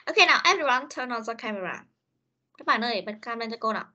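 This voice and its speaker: Bright-voiced Vietnamese woman teaching English. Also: fairly high pitch, lively intonation, dull audio. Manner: repeats words slowly for students to copy. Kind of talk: online class pronunciation drill. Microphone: video call.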